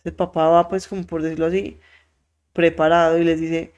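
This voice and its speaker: A podcast host, telling a story in an animated way, with many fillers and quoted voices acted out. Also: medium pitch, moderate pace, clean tone, lo-fi sound. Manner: frequent filler words.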